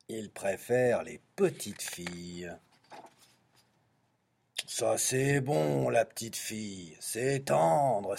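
A man's voice: sits low, darkish tone, slightly rough, pitched below the performer's own voice, heavily acted. A man voicing a greedy male wolf in a children's storybook, lip-smacking and relishing his words. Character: greedy big bad wolf, male, gloating. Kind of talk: storybook reading.

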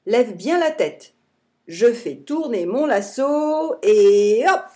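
A woman voicing an excitable little hamster boy who wants to be a cowboy, eager and bossy. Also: a little high, slow pace.

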